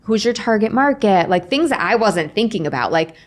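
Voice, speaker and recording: A woman in her forties is an interview guest, casually telling stories with acted-out dialogue and self-deprecating humor. She speaks briskly at a medium pitch with lively intonation.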